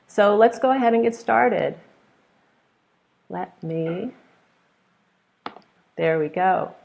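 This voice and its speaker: A middle-aged woman from California with a standard American accent, teaching a pronunciation webinar in clear, simple, encouraging explanations. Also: on the low side. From California, United States. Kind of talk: webinar lesson, explaining to students. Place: small plain room indoors. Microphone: earphone headset on a webcam video call.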